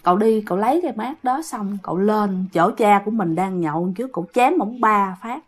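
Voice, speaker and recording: A woman's voice: mid-range voice, a little fast. Chatty Southern Vietnamese woman storyteller. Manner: chatty, repetitive, addressing listeners. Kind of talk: conversational ghost story telling.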